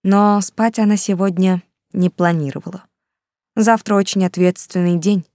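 A woman narrating a novel as an audiobook in a calm, even storytelling manner. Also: fairly low pitch, no room sound, studio quality.

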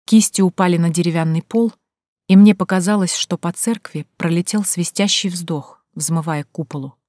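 A woman reading a first-person story aloud in a measured, hushed storytelling manner. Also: lowish voice, no room sound, clean studio sound. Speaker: narrator. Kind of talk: first-person audiobook narration.

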